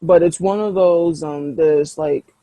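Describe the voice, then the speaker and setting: Rambling game master, mellow husky voice. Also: male voice, a little high, fairly even intonation, slow, no echo, poor audio. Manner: rambling, filler-heavy, casual. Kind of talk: narrating a tabletop game.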